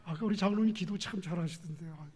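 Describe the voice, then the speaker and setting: A male pastor preaching an evening church sermon, asking the congregation questions and answering them himself, dropping to near-whispers and rising to loud exclamations. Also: sits high, fast, breathy edge.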